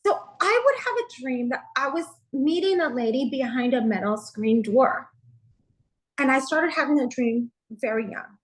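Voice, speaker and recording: A woman's voice: high voice, lively intonation, moderate pace, rough recording. A middle-aged woman pastor from Texas sharing her personal testimony in an interview, earnest and heartfelt, with a lot of "you know.".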